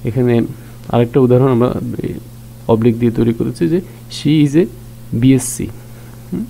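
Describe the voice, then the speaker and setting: A man teaching a grammar lesson. He explains each rule step by step, asks questions and answers them himself, and reads example sentences out slowly. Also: mid-range voice, fairly even intonation, creaky, dark tone, slight background noise, low-quality recording. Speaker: English teacher.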